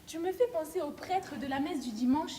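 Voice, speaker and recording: A woman's voice: sits high, moderate pace, mellow, lightly acted. A woman on a theatre stage playing a restless, skeptical young woman who questions and teases. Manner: questioning, teasing. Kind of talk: stage play acting. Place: theatre stage, large hall. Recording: echoey hall, faint noise.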